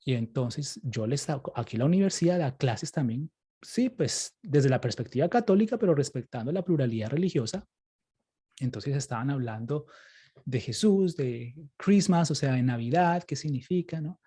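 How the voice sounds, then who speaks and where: A man's voice: medium pitch, animated, moderate pace, warm tone, breathy edge. A Colombian man, a priest, giving a Bible study lecture and patiently answering questions, often checking with his listeners. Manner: explains patiently, often tags sentences with "¿cierto?" and "¿sí?".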